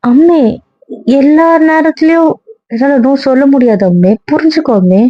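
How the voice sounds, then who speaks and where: A woman acting as a young wife who gently soothes and coaxes her anxious husband, in an amateur serial drama. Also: fairly low pitch, steady tone, moderate pace, dry recording, close to an everyday voice. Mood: soothing. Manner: soothing, coaxing. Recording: dull, dry lo-fi recording.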